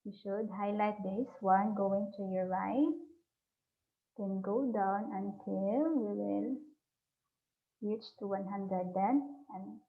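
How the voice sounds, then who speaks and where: Female teacher, dictating step-by-step instructions, short separate phrases, software tutorial, narrow phone-like audio. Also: medium pitch, slow. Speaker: teacher giving a spreadsheet tutorial. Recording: thin phone-like sound.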